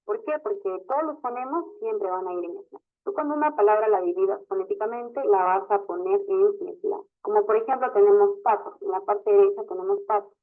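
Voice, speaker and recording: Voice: medium pitch, fairly quick, faint music behind. A teacher giving an online class lecture, explaining step by step and often adding a short questioning tag. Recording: tinny phone-like audio.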